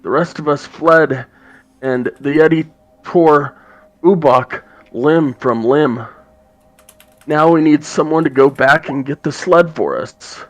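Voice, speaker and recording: Guy doing a dwarf lady, high scratchy old hag voice, pleading for help, tabletop rpg. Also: takes it slowly, dull audio. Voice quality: raspy, strained old-hag croak. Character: stocky female dwarf survivor, raspy, earnest, pleading.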